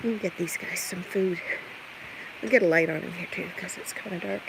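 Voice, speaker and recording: A woman's voice: lowish voice, brisk, vocal fry. A woman hosting a casual livestream, rambling and thinking aloud to viewers and animals as she does farm chores. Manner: coos and chats to animals in questions. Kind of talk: casual chatty livestream walk-about, talking to viewers and animals. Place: farmyard, barn and chicken coop. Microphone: handheld phone or camera. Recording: noisy handheld farm recording with poultry sounds. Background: clucking chickens, rooster, farm ambience.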